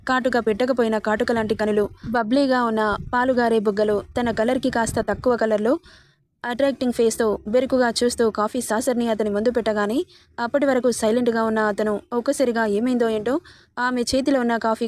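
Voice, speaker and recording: A woman reading a romantic family story aloud in a steady storybook narration. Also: a little high, brisk.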